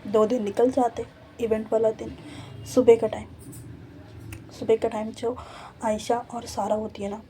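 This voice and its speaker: A woman's voice: on the high side, little pitch movement, unhurried, pauses often, mellow, slight background noise. A woman telling a love story in a chatty, casual way, often repeating herself and slipping in English fillers.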